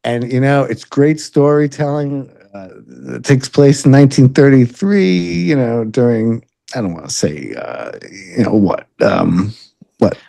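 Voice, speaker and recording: A man's voice: medium pitch, lively intonation, measured pace, gravelly, warm tone. A middle-aged man with a Long Island New York accent, a father co-hosting a casual podcast chat with his son, rambling, repeating words and laughing often.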